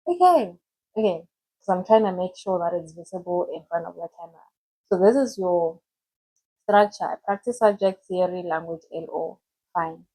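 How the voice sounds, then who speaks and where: Her voice is on the low side and mellow, with a breathy edge, captured on a low-quality recording. In a casual explanatory tutorial, this young woman chats to camera about planning study time, frequently restarting and self-correcting as she goes.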